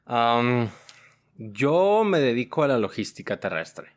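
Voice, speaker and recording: A man's voice: mid-range voice, very animated, slow. A man, a podcast guest talking in an easygoing, casual way and laughing often. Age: 20s. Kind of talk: casual interview chat.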